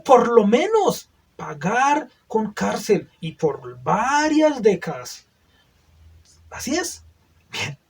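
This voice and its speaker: A man's voice: high voice, a little mellow, slightly rough. A male preacher giving a sermon, earnest and full of rhetorical questions to the listeners.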